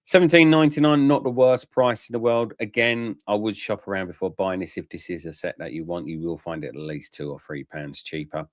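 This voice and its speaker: A man gives a plain-spoken, casual review in a lowish voice. He chats frankly and tags questions onto his remarks. The recording is dry and close, with no room sound. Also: brisk, few pauses, no room sound. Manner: frank and chatty, with tag questions and many "um" fillers. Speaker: toy collector reviewer.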